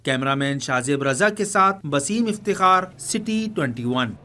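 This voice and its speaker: A man reporting in a formal, measured news voice-over. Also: a little high, animated, bright, forceful tone. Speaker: field reporter.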